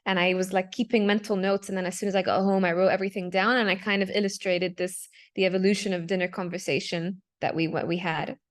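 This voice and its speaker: A woman's voice: mid-range voice, little pitch movement, fast, hardly any pauses. A young adult woman, a digital artist from Palestine who grew up in Dubai, casually presenting her artwork on a video call with fillers and self-corrections. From Palestinian, raised in Dubai. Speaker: panel speaker, digital artist.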